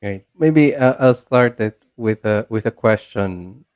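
A man's voice: on the low side, takes it slowly, darkish tone, smooth. A man hosting a podcast in a casual, informal, conversational way. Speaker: podcast host.

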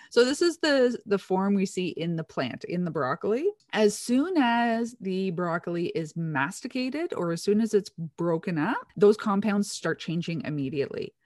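A woman's voice: medium pitch, lively intonation, a little slow, no room sound, clean studio sound. A woman co-hosting a casual science chat, eagerly explaining nutrition research in detail.

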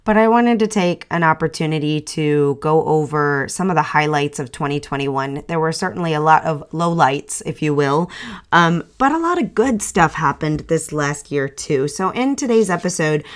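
A woman's voice: low voice, lively intonation, normal speed. A woman hosting her own podcast in a chatty, upbeat way, sounding nasal from a cold. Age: adult author. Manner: chatty, upbeat, with frequent ums. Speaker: podcast host. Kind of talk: casual solo podcast.

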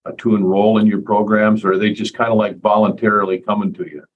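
A man with a lowish voice co-hosts a casual interview, asking questions conversationally. The audio sounds a touch dull. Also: flat delivery, quick pace. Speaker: co-host.

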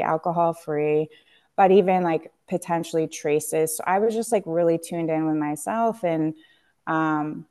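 A woman's voice: low voice, a little mellow, clean tone. A woman, a company founder, speaking candidly and reflectively on a podcast, with frequent fillers and restarts. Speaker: guest, tea company founder.

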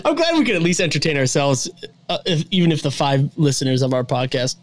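A man's voice: a little high, expressive, fast talker. A young man from Minnesota, co-hosting a podcast in a casual chat, talking a lot with fillers and frequent laughs. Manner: chatty, laughs often, many fillers. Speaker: podcast co-host.

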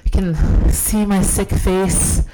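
A woman who is sick and losing her voice records her podcast on a phone in a downstairs room at home, talking off the cuff in a rambling, self-deprecating manner. Her mid-range voice stays steady and unhurried, with a noisy background behind it.

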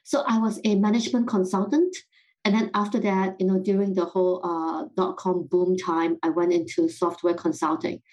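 Speaking at a moderate pace in a steady, low-leaning, slightly mellow voice, this middle-aged founder from Singapore reflects thoughtfully in a podcast interview. Her English carries a Singaporean-British accent, she laughs softly now and then, and the recording quality is poor.

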